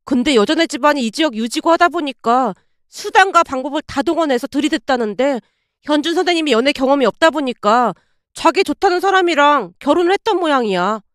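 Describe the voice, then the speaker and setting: A woman's voice: high-pitched, lively intonation, fairly quick, no room sound, clean studio sound. A woman voicing a chatty female nurse colleague who passes on gossip in a knowing, confiding tone.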